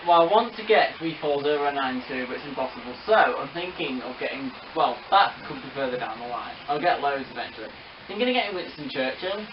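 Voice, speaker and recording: A man's voice: medium pitch, lively intonation, brisk, reverberant, muffled recording, background noise. A man chatting about his model trains, sometimes breaking into playful race-caller bursts. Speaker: model railway hobbyist. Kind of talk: casual chat with bursts of mock race commentary.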